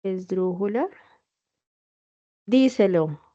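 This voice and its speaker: A woman's voice: medium pitch, expressive, very slow, warm tone. A woman teacher giving an online class, explaining patiently and checking in with her students. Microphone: computer mic on a video call. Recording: dull lo-fi video call audio.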